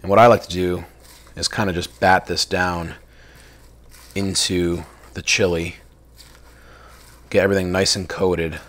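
A man's voice: deep voice, flat delivery, unhurried, long pauses, a bit bright. A young adult man hosting a casual cooking vlog from his home kitchen, chatty and enthusiastic with lots of fillers. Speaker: cooking channel host.

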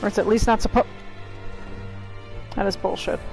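A woman's voice: mid-range voice, fairly even intonation, moderate pace, gravelly, over music. A woman streaming a game live, swearing and exclaiming at it and chatting with her viewers. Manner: chats to viewers. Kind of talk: live gameplay commentary.

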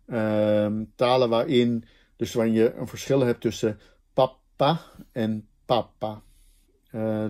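A man's voice: medium pitch, darkish tone. Man lecturing with restarts and fillers. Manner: explanatory, thinking aloud with many fillers and restarts. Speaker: linguistics lecturer. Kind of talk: recorded university lecture.

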